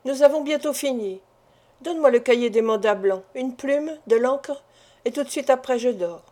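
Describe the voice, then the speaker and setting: A worried middle-aged mother who answers earnestly and tries to reassure, read by a woman. The tone is slightly high and warm. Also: moderate pace, natural voice. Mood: anxious.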